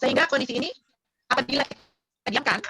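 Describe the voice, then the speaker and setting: A woman's voice: sits high, quick pace, noisy background. Woman on a choppy, breaking-up call. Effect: choppy, breaking-up online call audio. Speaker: presenter. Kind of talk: formal talk on a video call. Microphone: computer mic on a video call.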